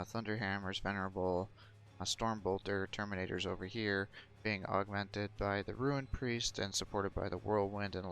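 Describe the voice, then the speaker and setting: Deep-voiced man narrating a strategy game. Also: a bit bright, smooth. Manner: thinking aloud, hesitant with fillers. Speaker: gameplay commentator. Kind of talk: casual gameplay commentary.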